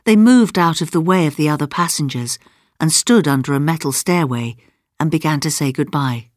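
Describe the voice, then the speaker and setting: A woman narrating a storybook in a measured, plain storytelling manner. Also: low voice, a little mellow, no room sound, studio quality.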